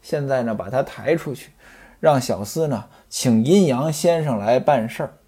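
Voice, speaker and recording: A man voicing a wealthy husband who quietly urges his grieving concubine to stop crying, in a low, hushed voice. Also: expressive, moderate pace, slightly rough. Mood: soothing.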